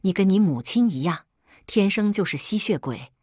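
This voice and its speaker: A woman's voice: mid-range voice, expressive, moderate pace, darkish tone, slightly rough, no room sound, studio quality. A woman voicing a cold, proud wealthy young husband in a storybook, speaking curtly. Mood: cruel.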